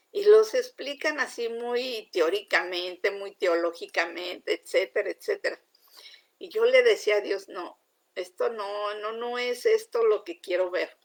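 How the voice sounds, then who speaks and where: Woman preacher, gravelly, earnest personal-testimony sermon. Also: medium pitch. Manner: earnest, emotional, asks listeners "¿sí?" often.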